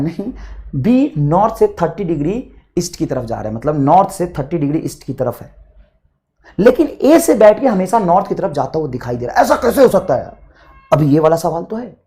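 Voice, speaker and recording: A man teaching physics in a classroom lecture style, calling students "beta" and drawing out English question text slowly. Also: fairly high pitch, darkish tone.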